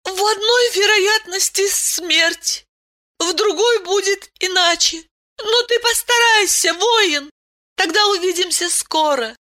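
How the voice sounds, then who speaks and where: A woman reading an audiobook, voicing a tender, teasing otherworldly young wife who coos softly and playfully. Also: very high voice, slow, voice pushed up, exaggerated voice. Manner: soft cooing, playful.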